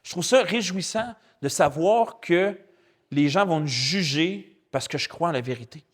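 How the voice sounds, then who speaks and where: A man with a Québécois French accent, a pastor preaching a sermon in a lively, colloquial storytelling way. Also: on the high side, measured pace. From Quebec. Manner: animated, colloquial and chatty, with spoken English slang.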